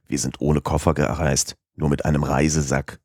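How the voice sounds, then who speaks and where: A man voicing a talkative, excitable French manservant in an audiobook reading, his voice rising higher when he gets emphatic. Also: normal speed, no room sound, clean studio sound. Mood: chatty. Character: chatty, excitable French manservant, stubborn and proud. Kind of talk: audiobook character voice.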